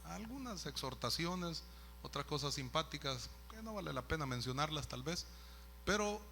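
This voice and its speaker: A man's voice: on the high side, bright, forceful tone, a little hiss or hum. A man, a pastor telling a story in a sermon, conversational with asides to the listeners. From El Salvador. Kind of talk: sermon testimony.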